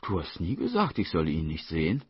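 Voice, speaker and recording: A man's voice: deep voice, huge pitch swings, a little fast, breathy edge, no room sound, full character voice. Man doing a cheeky carefree young daughter. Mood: breezy. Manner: breezy, teasing retorts. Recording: dull, dry studio voice-over.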